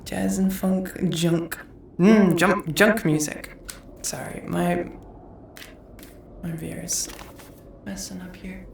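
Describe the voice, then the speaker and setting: Gravelly-voiced woman chatting on stream. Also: fairly low pitch, fairly even intonation, slow, long pauses, slight background noise. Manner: chatty, laughs often, mutters to herself over technical glitches. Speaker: music composer live-streaming in VR. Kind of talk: casual live-stream chat.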